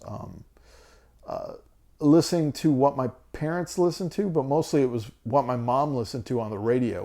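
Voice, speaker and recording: A man in his forties chats about his record collection in a slow, unhurried way. He hesitates often, circling back with ums and restarts. His voice is wearing thin, as if he is losing it. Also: medium pitch, warm tone. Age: 40s. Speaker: vinyl collector vlogger. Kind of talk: casual talk to camera.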